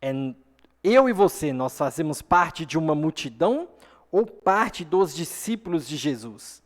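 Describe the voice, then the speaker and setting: A man's voice: fairly high pitch, sing-song, a little slow. A man with a Brazilian accent preaching an earnest sermon to a congregation, often asking for an "amen". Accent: Brazilian Portuguese. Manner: earnest, repeats "amém?" to the congregation. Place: church hall. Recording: long hall reverb.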